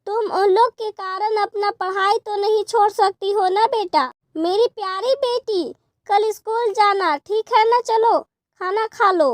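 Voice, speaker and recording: A woman voicing a worried, gentle, poor young mother in a cartoon story. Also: extremely high pitch, a little slow, no echo.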